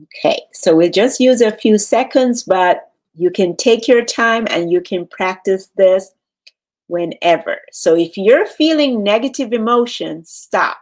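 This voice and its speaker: A woman coaching in a measured, instructional way, leaving pauses as she guides a relaxation exercise. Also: medium pitch, lively intonation, darkish tone. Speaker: relaxation and mental fitness coach.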